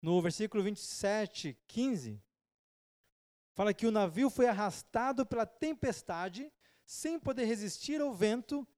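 Preacher, male, fairly high voice, short phrases with pauses for the interpreter. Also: lively intonation, a little mellow, long reverb tail. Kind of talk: sermon with live interpretation. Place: church hall with a projector.

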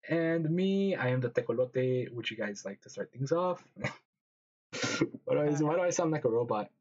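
A man's voice: mid-range voice, animated, moderate pace, darkish tone, highs cut off. Male podcast host, half-robotic voice. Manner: joking, bickering with co-hosts. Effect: half-robotic, glitchy voice sound. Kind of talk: casual podcast chat.

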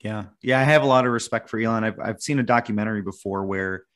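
A man's voice: lowish voice, fast, a bit bright. Agreeable male podcast host. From United States. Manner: affirming, with frequent agreeing interjections. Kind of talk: podcast conversation.

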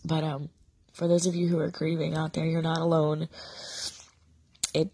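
Casting: middle-aged female vlogger with a lost, sore-throated voice, raspy whisper, low and gravelly, halting and heartfelt in confession. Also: level tone, mellow, a little hiss or hum. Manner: halting, subdued, sincere. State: sick with sore throat, voice almost gone. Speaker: vlogger addressing followers. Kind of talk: confessional casual monologue.

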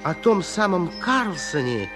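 A man narrating a 1950s radio fairy tale as a kindly storyteller, gentle and expressive. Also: high voice, a little slow, over music. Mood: dreamy, unhurried. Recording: 1950s radio drama recording.

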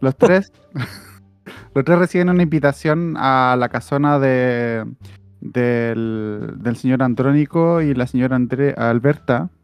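A man's voice: mid-range voice, slow, clear, resonant tone, no room sound, soft background music. A Chilean man narrating a tabletop role-play as game master, rambling and laughing often as he restarts his sentences.

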